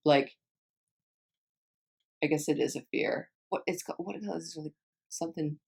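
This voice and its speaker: A young woman from Texas with a deep, darkish voice rambles through viewer questions in a casual vlog. She swears a lot and frequently trails off before starting again.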